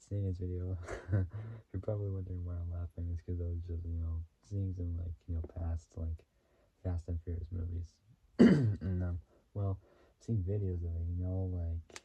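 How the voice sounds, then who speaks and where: A young man talking casually to his channel, rambling through fillers, giggles and throat clearing as he explains a movie. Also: low-pitched, flat delivery, normal speed, a little hiss or hum. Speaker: YouTuber. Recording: dull lo-fi sound.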